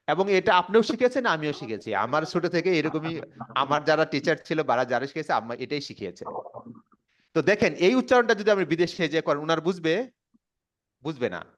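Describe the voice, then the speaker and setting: A man with a Bangladeshi accent teaching English pronunciation to a class, repeating words slowly and quizzing the students. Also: a little high. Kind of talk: classroom lesson. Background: students responding.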